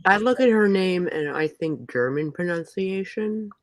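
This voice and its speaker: A woman co-hosting a casual livestream, calm and matter-of-fact with short replies. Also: fairly low pitch, measured pace, slight background noise.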